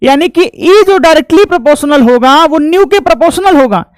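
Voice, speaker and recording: Here the man sounds very high-pitched, animated and a little fast, with no echo. Teaching physics to a class, he uses folksy, homely explanations and sound effects, and answers his own questions as he restates each point.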